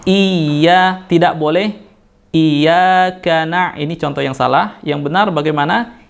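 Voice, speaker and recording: A man with an Indonesian accent, teaching Quran recitation rules and slowly chanting verses between patient explanations. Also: fairly high pitch, creaky. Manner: patient, corrects mistakes step by step with fillers. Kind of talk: tajwid lesson with slow chanted recitation.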